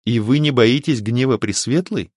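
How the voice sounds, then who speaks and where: A man reading an audiobook, voicing an anxious devout priest who speaks slowly and in a hush. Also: medium pitch, no room sound, studio quality, close to an everyday voice. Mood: worried. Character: anxious devout male priest, soft-spoken.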